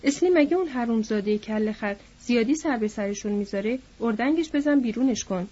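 A woman's voice: a little high, dark tone, husky. A woman voicing a wary male ranch worker who speaks tersely and bluntly, in a storybook reading. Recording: dull lo-fi audiobook recording.

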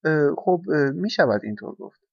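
A man's voice: fairly high pitch, lively intonation, no room sound, natural voice. A man voicing a mildly mocking old oak tree in a storybook reading, speaking hesitantly and dismissively. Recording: dull, dry lo-fi recording.

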